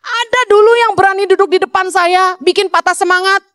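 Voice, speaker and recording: A high-pitched woman pastor preaches with lots of energy. She swings between urgent, high-pitched exhortation and low, mock-calm asides, and she jokes with the congregation. The sound is dry and close, with little room echo. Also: a little fast. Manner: humorous, colloquial asides to the congregation. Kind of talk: sermon. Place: church stage.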